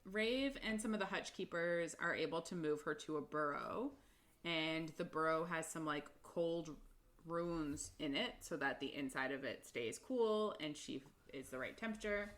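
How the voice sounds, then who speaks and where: A woman's voice: low voice, normal speed, fairly bright tone. A woman co-hosting a casual book podcast, retelling chapters in a chatty way with frequent laughs and fillers. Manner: chatty, laughs often, lots of "like" and "um". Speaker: podcast co-host.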